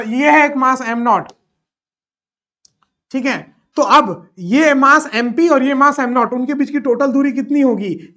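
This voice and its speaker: A man teaching a physics lesson in Hindi mixed with English terms. He keeps asking questions and answering them himself, and he slows right down when dictating. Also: extremely high pitch, a bit bright. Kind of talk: classroom physics lecture.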